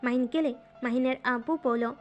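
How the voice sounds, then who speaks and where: Lady narrating a romance audio story, high voice, soft music behind. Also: steady tone, normal speed.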